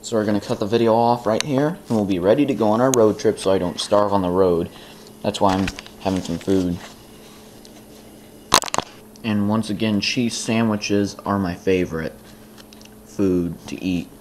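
A man's voice: on the low side, fairly even intonation, normal speed, long pauses, a little mellow, a little hiss or hum, poor audio. A teenage boy vlogging casually to a camera held at arm's length at home, talking while he eats and chewing between phrases. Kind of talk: casual vlog talk to camera.

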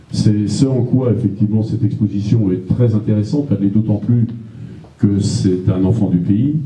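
Middle-aged man, dark echoey speech. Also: lowish voice. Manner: halting, many "euh" pauses. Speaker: mayor giving a speech. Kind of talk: formal welcome speech. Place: small gallery, indoors. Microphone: handheld mic. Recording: echoey room.

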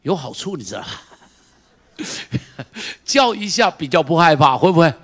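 Middle-aged pastor, slightly high voice, animated sermon delivery, goes from hushed stories to shouts, keeps asking the crowd questions. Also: male voice, normal speed. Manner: animated, swings from quiet storytelling to shouted exhortation; asks the congregation repeated direct questions.

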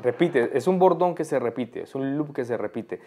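Patient Colombian-born accordion teacher. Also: male voice, mid-range voice, expressive, mellow, faint music behind. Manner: patient, repeats each step slowly while demonstrating. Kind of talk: music tutorial. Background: faint accordion playing.

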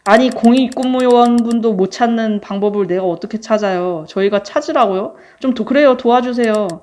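A woman voicing a wary, sardonic male high school student who grumbles, while reading a story game aloud. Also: fairly quick, a little mellow, close to an everyday voice.

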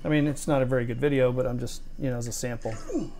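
A man walks through a computer task in a relaxed, conversational tutorial. His voice is mellow and fairly even in pitch. He explains each step plainly as he goes. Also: fast, faint music behind. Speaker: video tutorial maker. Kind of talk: casual screen-recorded tutorial.

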